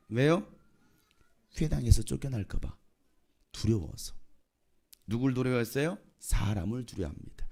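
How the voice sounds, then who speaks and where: Man, pastor, sermon, animated pitch, keeps asking the congregation questions. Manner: asks the congregation questions and repeats their answers.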